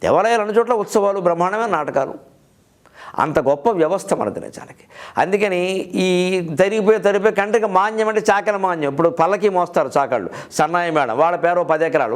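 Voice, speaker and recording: Middle-aged male lecturer with a slightly high voice, storytelling style, with humorous asides and verses quoted slowly. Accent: Telugu. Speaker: literary speaker and host.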